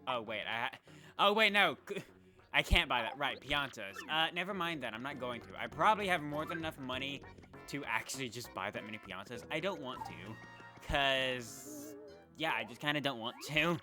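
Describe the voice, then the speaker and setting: Game music runs under a let's play gamer who narrates his gameplay in a chatty, meandering way, frequently correcting himself mid-sentence. His voice is mid-range and animated, at a moderate pace.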